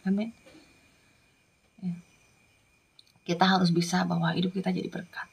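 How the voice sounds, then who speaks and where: Husky-voiced woman evangelist. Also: on the low side, level tone, normal speed. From Madura, Indonesia. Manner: earnest, dropping into soft whispers. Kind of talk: emotional testimony.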